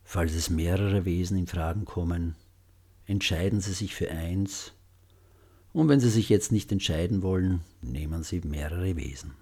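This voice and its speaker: Slow, low-voiced man guiding meditation. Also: breathy edge. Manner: slow, gentle, with long pauses and soft phrase endings. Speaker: meditation guide. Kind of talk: guided loving-kindness meditation.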